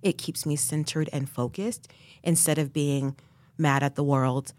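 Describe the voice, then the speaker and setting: A woman's voice: low-pitched, steady tone, a little slow, darkish tone, no room sound. A woman on a faith podcast, explaining her views in an earnest, thoughtful way. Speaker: podcast co-host. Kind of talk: casual faith discussion.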